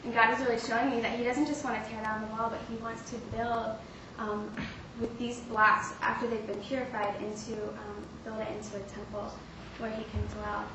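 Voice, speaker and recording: A woman's voice: on the high side, little pitch movement. Earnest young woman in a roomy echo. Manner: earnest, halting with frequent fillers. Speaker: speaker sharing a testimony. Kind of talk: personal faith testimony. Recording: roomy, distant mic with clear background noise.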